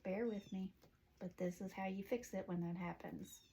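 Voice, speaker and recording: Southern woman craft instructor, gravelly edge, talks in chatty asides. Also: medium pitch, normal speed, dark tone, a little hiss or hum. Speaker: wreath-making instructor. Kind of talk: casual craft tutorial. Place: at home.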